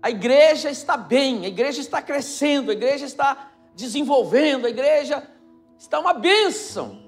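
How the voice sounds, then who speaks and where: Brazilian man preaching in a high voice. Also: lively intonation, normal speed, soft background music. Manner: emphatic, repetitive, rising to near shouts. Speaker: pastor. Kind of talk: sermon.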